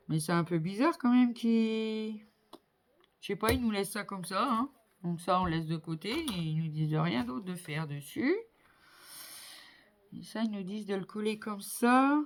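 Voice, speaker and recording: Slow-talking chatty woman. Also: medium pitch. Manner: chatty, thinking aloud, many fillers. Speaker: crafter building a model kit. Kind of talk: casual hands-on crafting commentary.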